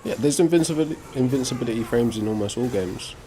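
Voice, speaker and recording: A young man streaming, chatting casually while he plays a game, sometimes breaking into sudden excited shouts. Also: medium pitch, fast, slight background noise. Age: young adult. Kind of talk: casual live chat while gaming.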